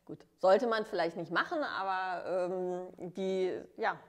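A woman in her thirties from Cologne, a travel expert guest chatting enthusiastically on a podcast. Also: fairly low pitch. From Cologne, Germany. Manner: enthusiastic, affirming, quick to laugh. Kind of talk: casual interview chat. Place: studio room with dark backdrop.

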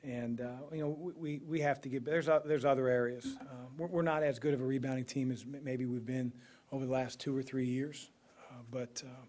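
A man's voice: mid-range voice, fairly even intonation, a little mellow. Man coaching, answering postgame questions at a podium. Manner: measured, thinking aloud with many fillers and restarts. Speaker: basketball head coach. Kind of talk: postgame press conference answers. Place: press room in front of a sponsor backdrop. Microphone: podium microphone.

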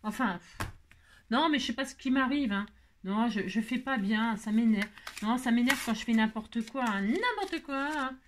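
A woman's voice: fairly high pitch, expressive, normal speed, slight background noise. A tired woman hosting a casual crafting tutorial, chatty and self-mocking, talking straight to her viewers.

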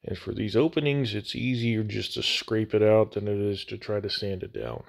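A man with a lowish, creaky voice and lively intonation talks at a moderate pace. As host of a scale model building channel, he narrates a hands-on hobby tutorial in a casual, folksy, plain-spoken way, captured on a slightly echoey phone microphone.

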